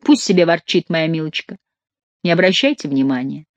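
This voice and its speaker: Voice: medium pitch, expressive, moderate pace, no echo, close to an everyday voice. Amorous young male king, tender and effusive, as an audiobook reader puts him on; dry, close sound. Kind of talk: audiobook character reading.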